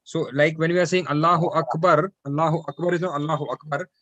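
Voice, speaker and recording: A man teaching an online Arabic class, patiently repeating phrases slowly for his students. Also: a little high, fairly even intonation, fairly bright tone, no echo.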